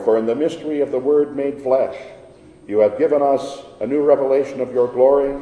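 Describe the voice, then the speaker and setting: A pastor reading prayers in a measured, solemn way, his voice carried by a cathedral echo. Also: mid-range voice, mellow, highs cut off. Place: large church. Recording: reverberant church hall with organ.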